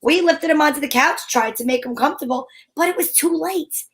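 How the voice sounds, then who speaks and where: A woman with a high voice speaks a little fast and acts lightly as a breezy, no-nonsense sleuth who takes charge in an old-time radio mystery. Her first-person narration comes across as dry and matter-of-fact.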